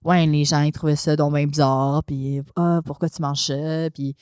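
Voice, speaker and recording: Her voice is deep, level, somewhat mellow and smooth, at a normal speed, recorded cleanly in a studio without echo. This young Québécois woman, a podcast guest, keeps things casual and chatty, laughing often and mixing in English expressions.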